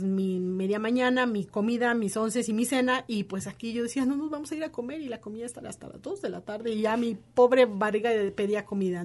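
A Colombian woman in her forties, telling her story in a lively way in an interview and quoting others in their voices. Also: mid-range voice. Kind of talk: conversational interview.

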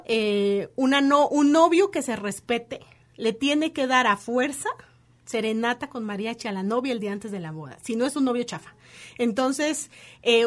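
A Colombian woman in her forties, telling her story in a lively way in an interview and quoting others in their voices. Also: fairly high pitch. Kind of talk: conversational interview.

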